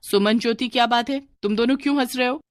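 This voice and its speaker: A woman's voice: a little high, fast talker, dry recording, studio quality, lightly acted. A woman voicing a strict female schoolteacher who scolds her class sharply. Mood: stern.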